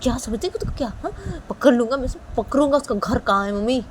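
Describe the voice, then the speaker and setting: A woman's voice: medium pitch, fairly even intonation, brisk, dark tone, slight background noise, close to an everyday voice. A woman voicing an angry young man who sulks and snaps at his mother. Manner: sullen, snapping, repetitive.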